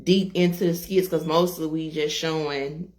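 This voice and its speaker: A woman co-hosting a casual interview, relaxed and rambling with frequent laughs. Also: deep voice, moderate pace. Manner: relaxed and rambling, laughing often, many fillers. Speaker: co-host, interviewer.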